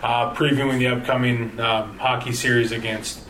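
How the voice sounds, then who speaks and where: A man's voice: mid-range voice, little pitch movement, a bit bright, a little hiss or hum, rough recording. A man hosting a casual sports podcast, tired and rambling, with lots of fillers and restarts. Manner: rambling, halting sign-off with many fillers. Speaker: podcast host.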